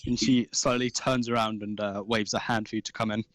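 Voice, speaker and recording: A man improvising tabletop game narration as game master, in an informal, halting, descriptive way. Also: on the low side, level tone, dry recording, poor audio. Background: faint music.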